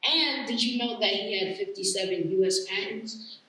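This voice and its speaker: A man's voice: high voice, moderate pace, bright, forceful tone. A man from Connecticut, an actor, chatting as a guest over a video call in a light-hearted, giggly way with many fillers. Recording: echoey room with faint noise.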